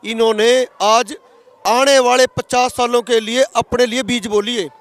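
A man in his thirties from Haryana, India, speaks with a Haryanvi accent at a roadside protest camp. As a protesting farmer in a street interview, he argues emphatically in impassioned political talk, his very high-pitched voice steady, a little slow and a bit bright. A handheld interview microphone picks him up outdoors.

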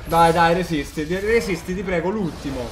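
A man giving casual, excitable gameplay commentary, swearing and talking to his viewers. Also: a little high, normal speed, background noise. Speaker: video game player commentating. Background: game music.

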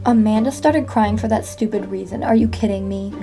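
Casual female vlogger with average pitch, reading comments sarcastically over prominent music. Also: fairly quick, vocal fry, warm tone. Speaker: video creator and host. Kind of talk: casual vlog, reading comments aloud and reacting.

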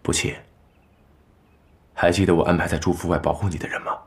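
A young actor playing a calm, reserved young nobleman who speaks in a steady, measured way in a period TV drama. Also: deep voice. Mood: serious. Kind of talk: dubbed TV drama dialogue.

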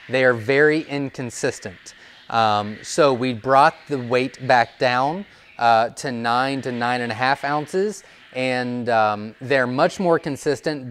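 A young man at a middle pitch gives a relaxed, explanatory talk about breeding birds, filling pauses with "um" and "uh". His lapel mic picks him up clearly indoors, with a faint hiss in the background. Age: young adult. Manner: relaxed, explanatory, many fillers. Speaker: quail breeder. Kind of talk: informal teaching video. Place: indoors, seated before a wooden wall. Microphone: clip-on lapel mic.

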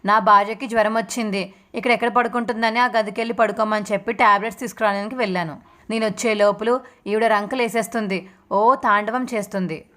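A woman's voice: medium pitch, steady tone, brisk, a bit bright, close to an everyday voice. A woman voicing an angry young husband who defends his sick wife with sarcasm, in a serial recap read. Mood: indignant. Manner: indignant, sarcastic.

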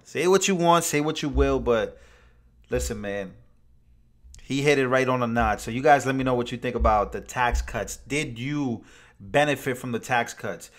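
A man hosting a reaction video in casual commentary, excitable and slangy, swinging between loud bursts and quiet asides. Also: mid-range voice, normal speed.

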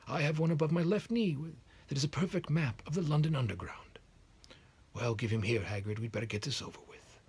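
A man's voice: darkish tone, husky. Dumbledore, a man doing a wry old wizard. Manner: lighter, raised pitch, measured and wry. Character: old wise male wizard headmaster, calm and wry.

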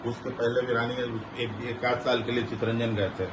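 A man's voice: mid-range voice, little pitch movement, quick pace, roomy sound. A man working as a railway clerk, speaking in a subdued, apologetic way under pressure from protesters. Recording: distant, drowned by crowd.

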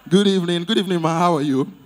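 A man's voice: sits high, slight background noise. A man with a Nigerian Pidgin accent doing live stand-up crowd work at an event, teasing audience members playfully. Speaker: comedian host at an event.

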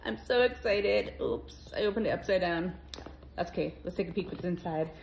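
A middle-aged woman from Minnesota unboxing craft mail, gushing and excitable with lots of gasps. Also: lowish voice, brisk, creaky, a little hiss or hum, rough recording. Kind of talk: casual unboxing vlog.

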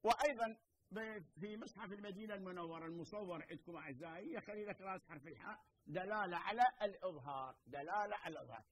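High-voiced Iraqi male teacher. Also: a little hiss or hum, poor audio. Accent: Iraqi Arabic. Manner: explains slowly, repeats points, checks understanding. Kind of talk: televised lesson with phone-in questions.

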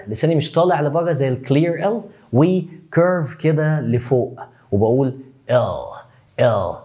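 A man with an Egyptian Arabic accent teaching English pronunciation, repeating each word slowly several times. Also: on the high side, dark tone. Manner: repeats words slowly, drawn out for drilling. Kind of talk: pronunciation lesson.

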